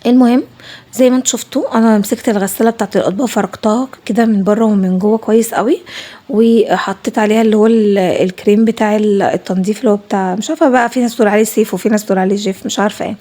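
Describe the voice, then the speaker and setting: Fast-talking Egyptian woman vlogger. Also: medium pitch, fairly even intonation, mellow. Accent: Egyptian Arabic. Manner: fast, emphatic, repeats herself. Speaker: home routine vlogger. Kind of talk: casual voice-over chat.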